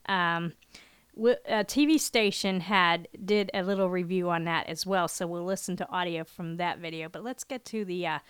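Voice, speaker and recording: A woman's voice: mid-range voice, a bit bright, smooth, no room sound. A woman hosting a show in casual, unscripted chat, hesitant and meandering as she goes. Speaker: show host.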